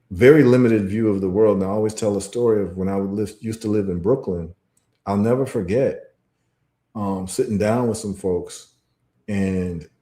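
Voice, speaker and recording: A man's voice: low-pitched, dark tone, roomy sound. A man from Ghana talking in a casual show monologue, emphatic and repetitive as he tells stories. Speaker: podcast guest.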